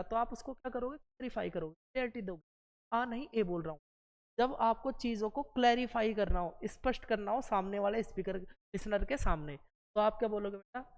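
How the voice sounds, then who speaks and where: A woman teacher giving a classroom lecture to exam students, posing rhetorical questions and answering them herself. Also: fairly high pitch. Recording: reverberant room, dull lo-fi sound.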